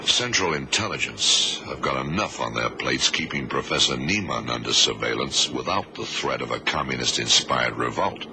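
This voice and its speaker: In a radio drama preserved on a noisy old recording, a man with a very deep, expressive voice portrays a composed government agent. His explanations are measured and carry clear authority.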